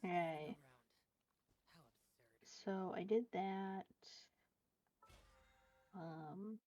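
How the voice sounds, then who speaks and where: Drawing out her words in a dark, medium-pitched voice, a woman chats hesitantly while gaming on a livestream, letting thoughts trail off. Music plays behind her, and the stream audio sounds dull and lo-fi.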